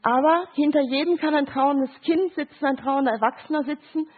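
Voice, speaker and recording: A woman's voice: high-pitched, a little fast. A middle-aged woman, a grief counselor, gives a talk with picture cards, explaining with short examples and quoted voices and checking in with "Ja?". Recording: thin phone-like sound.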